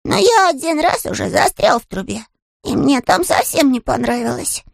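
A man's voice: very high-pitched, sing-song, normal speed, vocal fry, no echo, studio quality, voice pushed up, heavily acted. A man voicing a naive, polite young male bear in an audiobook, earnest and innocent in manner. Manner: earnest, innocent, matter-of-fact. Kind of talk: audiobook character voice.

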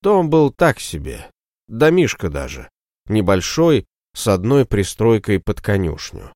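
A man narrates an audiobook in a steady storytelling manner. His voice is low and close, in a dry, dead-sounding room. His pitch moves a lot as he reads. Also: unhurried, dry recording.

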